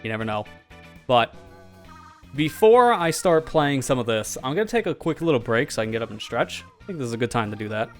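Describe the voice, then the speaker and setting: A man's voice: mid-range voice, big pitch swings, fairly quick, soft background music. A man hosting a casual livestream from home, chatty and joking, laughing often as he talks over voice chat. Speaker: streamer host.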